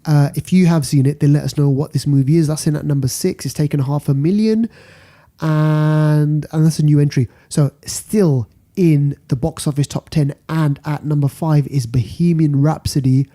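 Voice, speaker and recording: Very dark, mellow-voiced British man. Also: on the high side, fairly even intonation, normal speed. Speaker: podcast host. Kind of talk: casual box office rundown.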